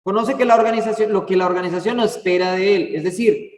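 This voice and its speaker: A high-voiced man leads an informal church class, chatty and full of fillers. He is recorded from far off in a roomy hall with a long echo. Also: fast. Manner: chatty, many fillers, asks the class for words. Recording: echoey hall, far from the mic.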